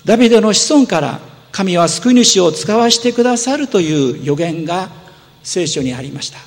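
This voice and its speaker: Gravelly pastor preaching in a reverberant church. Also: male voice, high voice, animated, moderate pace. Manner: earnest, gently explanatory, with rising emphasis. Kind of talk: sermon. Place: church sanctuary. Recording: long hall reverb.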